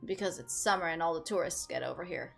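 Soft music plays as this young Portuguese streamer talks quickly in a lowish, creaky voice. She's on a headset at a desk in a small indoor room, casually chatting with her live chat, giggly and rambling.

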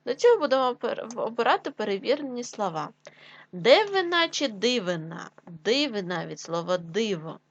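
A woman's voice: mid-range voice, lively intonation, highs cut off. A woman teaching a primary school class, dictating exercises and drilling word pairs, rising on each choice and dropping on the answer. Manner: slow and deliberate, with pauses for writing. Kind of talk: dictation-style lesson.

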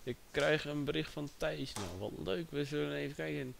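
A man's voice: a little high, normal speed, vocal fry, slight background noise. A man chatting casually on a livestream, distracted and talking to his chat and a friend. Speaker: livestream host.

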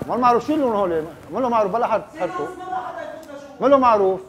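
A man's voice: high-pitched, animated, racing, very noisy. A man directing an ad in a hidden-camera prank, teasing and coaxing his actor. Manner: teasing, coaxing, cries cut.

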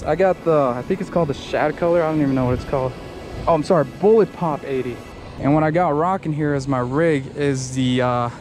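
A young man talks his way through a fishing trip, chatty and excitable, with rambling, filler-heavy explanations. His voice sits fairly high for a man, picked up outdoors by a head-mounted camera at a pond's edge. Music plays clearly beneath him. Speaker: fishing vlogger. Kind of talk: casual outdoor fishing vlog. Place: outdoors on rocks at a park pond. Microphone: head-mounted action camera.

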